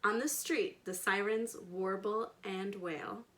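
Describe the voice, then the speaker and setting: A woman with a medium-pitched, steady, slightly bright voice reads a picture book slowly to children. As a storytime reader and children's educator, she speaks to them directly, stresses key words, and adds chatty asides with questions and simple words.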